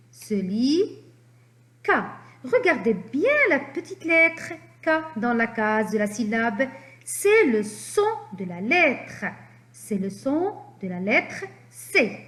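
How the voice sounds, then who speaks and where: Slow, lively woman teaching children to read. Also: a little high, roomy sound. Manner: animated, encouraging, drawn-out syllables. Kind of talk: slow reading lesson for young children.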